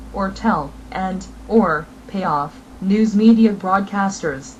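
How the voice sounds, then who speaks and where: A woman's voice: mid-range voice, darkish tone, rough recording. Woman reading a scripted message, faint noise. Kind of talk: scripted political message narration.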